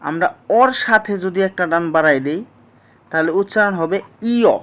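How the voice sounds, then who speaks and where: A teacher giving a slow, patient language lesson, explaining each sound step by step and repeating it back to the class. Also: mid-range voice, fairly bright tone.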